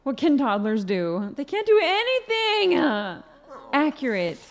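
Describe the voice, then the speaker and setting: A young woman commenting casually on a life-simulation game she is playing, expressive and quick to shriek and laugh. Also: high-pitched. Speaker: gaming video host.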